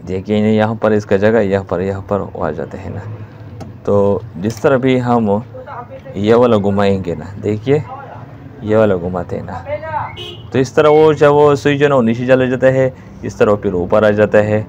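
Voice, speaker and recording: A man's voice: fairly low pitch, moderate pace, darkish tone, lo-fi sound, slight background noise. A man with a Pakistani Urdu accent giving a hands-on repair tutorial, explaining each step and repeating key words as he works. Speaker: repair technician.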